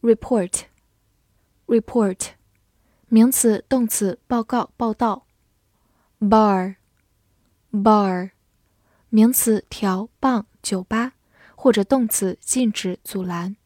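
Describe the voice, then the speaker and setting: A woman teacher in a slow vocabulary drill. She says each English word twice, then reads out its meanings calmly. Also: mid-range voice, dry recording, studio quality.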